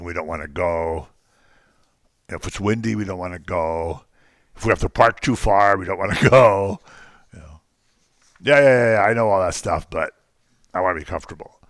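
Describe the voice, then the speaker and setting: A man's voice: low-pitched, fairly bright tone, dry recording, studio quality. A man teaching an informal Bible class, talking conversationally with frequent ums and jokey asides to the class.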